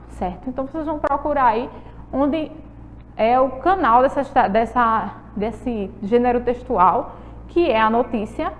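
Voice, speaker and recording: A woman teacher with a Brazilian Portuguese accent leads a televised lesson for children in a high, bright register. She draws words out slowly to stress their syllables and keeps asking her young viewers questions. Her voice carries a long reverb. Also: a little hiss or hum. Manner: encouraging, asks the viewers questions.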